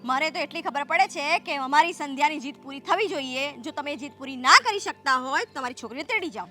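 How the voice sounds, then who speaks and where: An actress playing a domineering sister-in-law who scolds and argues sharply in a family drama. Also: female voice, sits high, expressive, fast, pushed and bright, soft background music. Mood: scolding. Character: domineering, haughty sister-in-law of adult age. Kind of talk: scripted family drama dialogue.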